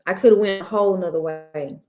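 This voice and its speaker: A woman's voice: mid-range voice, fairly quick, a little mellow, a little hiss or hum. A woman co-hosting a podcast, telling a family story about her child in an earnest, casual way, often restarting and circling back to make her point. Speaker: podcast co-host; mother.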